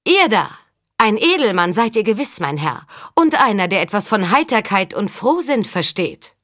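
A woman's voice: fairly low pitch, animated, normal speed, breathy edge, long reverb tail. A woman playing Saga, a brash young showwoman. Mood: teasing. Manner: loud, showy stage patter. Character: quick-witted young female street performer, brash and mocking.

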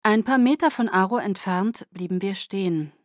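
A woman narrating a novel in the first person with calm, measured storytelling. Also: mid-range voice, no room sound, studio quality. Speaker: audiobook narrator.

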